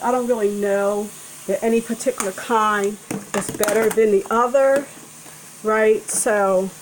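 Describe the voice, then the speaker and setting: A woman's voice: mid-range voice, poor audio. Chatty woman cooking over a sizzling pan. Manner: chatty, rambling, self-correcting. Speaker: vlogger cooking a vegan breakfast. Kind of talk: casual cooking demonstration. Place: home kitchen. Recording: kitchen noise and pan sizzle. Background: food sizzling in a pan.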